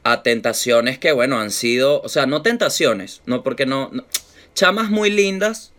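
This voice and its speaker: A man's voice: medium pitch, moderate pace. A man with a Venezuelan accent tells an anecdote in casual chat. His talk is packed with street slang and restarts. He slips into the voices of the people in his story. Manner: lively anecdotes full of slang, acts out quoted voices.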